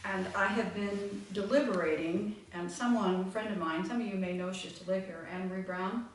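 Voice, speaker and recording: A woman's voice: mid-range voice, brisk, a little hiss or hum. A woman leading a full moon meditation group, talking reflectively to a live audience and meandering with many fillers. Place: meeting room with audience. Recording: echoey room, far from mic.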